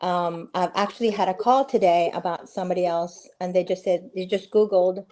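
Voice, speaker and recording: A middle-aged Peruvian real estate agent is a guest on a video call interview, chatting casually and warmly with plenty of fillers and restarts. Her voice is lowish, mellow and steady, at normal speed.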